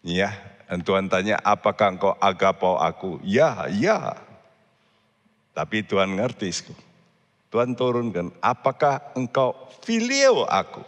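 A man delivers a sermon at an unhurried, deliberate pace, his voice sitting low. He speaks earnestly and keeps turning to the congregation. The sound carries the long echo of a big church hall. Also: big pitch swings. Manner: earnest preaching, addresses the congregation often. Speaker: pastor.

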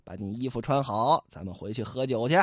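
A man voicing a smooth male outlaw leader who soothes and coaxes in a comic storytelling. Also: medium pitch, a little fast, no room sound, voice pushed down, natural voice. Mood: coaxing. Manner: soothing, coaxing.

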